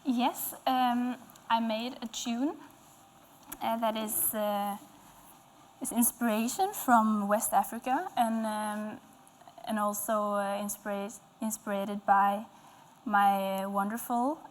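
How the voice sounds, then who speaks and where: Here a Norwegian musician, a young adult from the west coast and a native speaker with a Norwegian accent, is the guest on an indoor stage with dark curtains. Her voice is medium in pitch, with fairly even intonation and a slow pace. She responds to interview questions hesitantly, searching for the right words.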